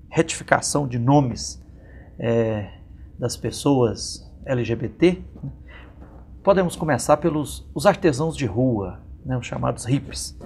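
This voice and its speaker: A man from Minas Gerais with a Brazilian accent hosting a community TV interview, speaking slowly with many pauses and fillers. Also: mid-range voice, creaky, a little hiss or hum. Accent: Brazilian Portuguese, Minas Gerais. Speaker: TV program host and interviewer.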